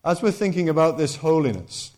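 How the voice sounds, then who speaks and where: Emphatic preacher, a man, fairly high voice. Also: expressive, a little fast, a little mellow. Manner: emphatic, repeats key phrases, frequent restarts. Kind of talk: sermon.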